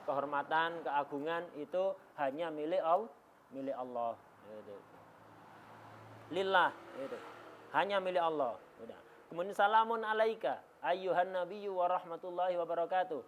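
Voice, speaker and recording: A man's voice: high-pitched, fairly bright tone, slight background noise. A man gives a religious lecture in a class, explaining step by step and answering his own questions, often restarting words. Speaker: religious teacher. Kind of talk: classroom lecture on Islamic law.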